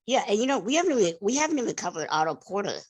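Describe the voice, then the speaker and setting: A woman in a casual sports podcast chat, talking in an excitable, animated way. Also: mid-range voice, racing. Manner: animated, excitable, frequent backchannel.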